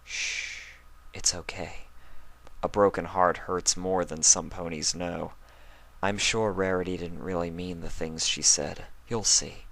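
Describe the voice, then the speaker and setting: A man voicing a gentle, regal pony princess with a soft manner. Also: low-pitched, steady tone, slow pace, exaggerated voice. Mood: hushed.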